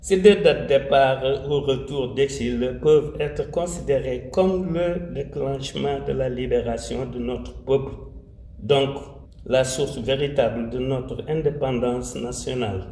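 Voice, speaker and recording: A religious community speaker with a Senegalese French accent delivers a formal commemorative address, his medium-pitched voice warm and a little slow. He speaks solemnly and emphatically, repeating key phrases and mixing Wolof into his French. The room echoes noticeably, with faint ambient noise underneath.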